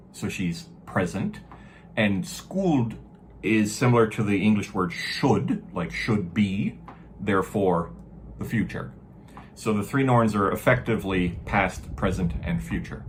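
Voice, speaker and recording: A man giving an informal explanatory lecture, talking haltingly with self-corrections and stressing key words. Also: sits low, a little hiss or hum. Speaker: lecturer on Norse mythology. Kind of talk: informal explanatory lecture with read-aloud verse.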